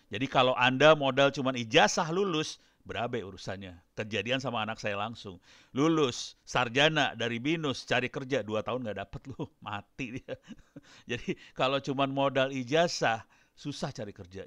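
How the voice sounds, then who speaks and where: A man's voice: medium pitch, fairly bright tone, no echo, studio quality. Chatty middle-aged man lecturing dryly. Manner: chatty, loose, laughs between points. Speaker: guest lecturer. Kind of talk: casual lecture with screen demo.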